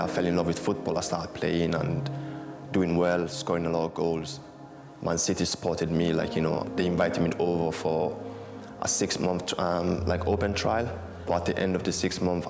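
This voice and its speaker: A young man in his twenties from Guinea speaks in a very low voice, loose and conversational, with lots of "like, you know" fillers. Clear music plays underneath him throughout. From Guinea, West Africa. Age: 20s. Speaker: interviewee, former academy footballer. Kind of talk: casual interview talk.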